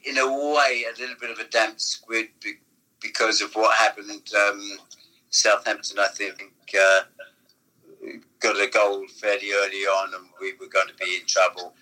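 A man reminiscing about old football seasons in a casual, halting chat, often restarting his sentences. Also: lowish voice, flat delivery, pushed and bright, low-quality recording. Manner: rambling, halting storyteller with restarts. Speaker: former football club figure, guest.

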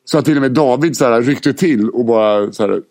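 A man's voice: mid-range voice, a little mellow. Young guy cohosting a podcast, jokey, laughs a lot, swears offhand. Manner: joking, laughs often, swears casually. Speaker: podcast co-host. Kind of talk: casual chat.

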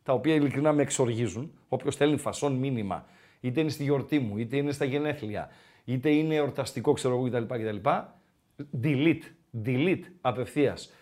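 A man's voice: medium pitch, a little mellow. A man co-hosting a podcast in casual chat, grumbling playfully and repeating himself. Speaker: podcast co-host.

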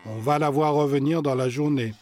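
A man voicing a relaxed farmer uncle with an easygoing, teasing manner. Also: a little high, brisk, faint music behind, close to an everyday voice.

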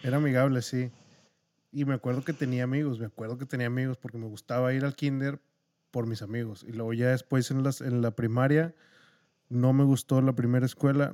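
A young man with a Mexican Spanish accent, co-hosting a podcast and recalling his school days in a relaxed, casual way. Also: mid-range voice. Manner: relaxed, laughs while recounting. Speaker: podcast co-host. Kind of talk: casual storytelling chat.

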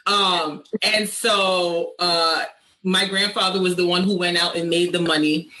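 A woman from Barbados, a podcast guest, talking in a relaxed, thoughtful way with many fillers. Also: lowish voice, measured pace. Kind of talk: casual reflective chat. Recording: echoey room, faint background noise.

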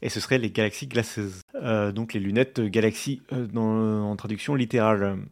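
A man's voice: on the low side, steady tone, normal speed. A young man in casual live-stream chat about tech, hesitant, with many fillers and restarts. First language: French.

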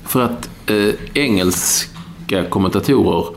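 A man's voice: lowish voice, creaky. A man, talking football in blunt, rambling casual chat full of fillers, with faint noise behind him. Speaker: podcast co-host.

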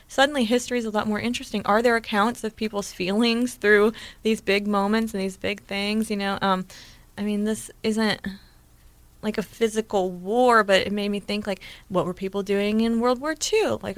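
A woman's voice: mid-range voice, no echo. A woman co-hosting a podcast, chatting casually and musing aloud with many questions. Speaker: podcast co-host. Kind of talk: casual chat.

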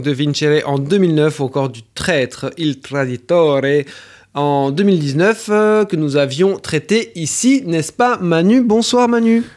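A man hosting a round-table film podcast, lively and quick to laugh between questions. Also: a little high. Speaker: podcast host.

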